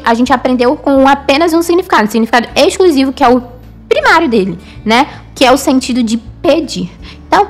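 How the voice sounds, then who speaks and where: A woman teaching an online language lesson, patiently repeating and explaining each example. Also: high voice. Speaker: Hebrew teacher.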